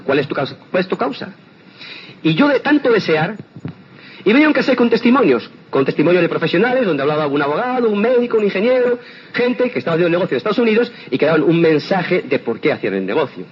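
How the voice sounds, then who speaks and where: A man's voice: sits high, very animated, fast. An older man from Spain speaking earnestly to an audience, giving a personal testimonial with rhetorical questions. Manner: earnest, addresses listeners directly with rhetorical questions. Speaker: motivational speaker. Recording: dull lo-fi sound with faint noise.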